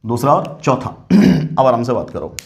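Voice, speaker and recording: A man's voice: medium pitch, very animated, unhurried, darkish tone. A man gives a chemistry lesson at a board. He keeps asking his students questions and then answering them himself. He calls them "beta" and slips English phrases into the lecture. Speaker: chemistry teacher.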